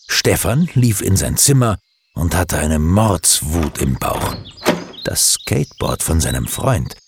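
A man reading a children's story aloud with expressive, dramatic storytelling. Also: low voice, slow, gravelly, background noise.

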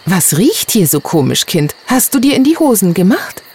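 A reader voicing a small, grumpy and fearful female elf who scolds and warns in a high, piping voice. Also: sing-song, moderate pace, a little mellow, slight background noise. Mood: mocking. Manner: bossy, scolding.

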